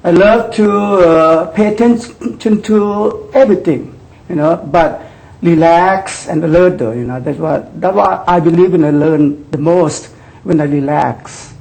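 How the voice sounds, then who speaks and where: A man in his sixties speaks with a Thai accent in a fairly high voice. He chats as a guest in an unhurried, rambling way, often repeating words and starting sentences over. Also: creaky, darkish tone, poor audio. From northeast Thailand. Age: 60s. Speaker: guest, yoga instructor. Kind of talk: casual interview.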